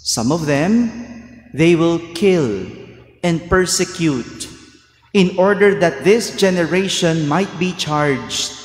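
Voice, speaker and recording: Slow priest with cathedral echo. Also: male voice, on the high side. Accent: Filipino. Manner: slow and deliberate, quizzing the congregation. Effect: cathedral echo with long reverb. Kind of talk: homily during Mass. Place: large church. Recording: echoey church hall sound.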